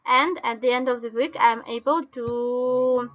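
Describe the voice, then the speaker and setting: A woman with a Russian accent explains things step by step in halting non-native English, like an informal online training session. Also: a little high, fairly even intonation. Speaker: webinar presenter. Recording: dull lo-fi webinar call audio.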